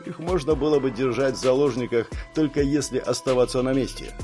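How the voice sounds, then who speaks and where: A man's voice: mid-range voice, fairly quick, mellow, faint music behind. Man narrating a thriller audiobook. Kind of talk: scripted narration.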